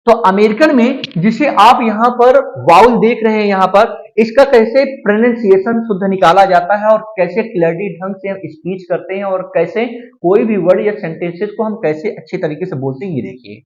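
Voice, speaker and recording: A male teacher walks through English sounds in a classroom lesson. He says each example word over and over, slow and deliberate. He keeps asking a question and answering it himself. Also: sits high, rough recording. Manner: repeats words slowly, asks and answers his own questions.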